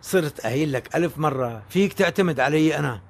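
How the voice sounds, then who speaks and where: A man's voice: a little high, lively intonation, quick pace. An actor with a Syrian accent playing a blunt, teasing middle-aged brother who needles his sibling with care. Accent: Syrian Arabic.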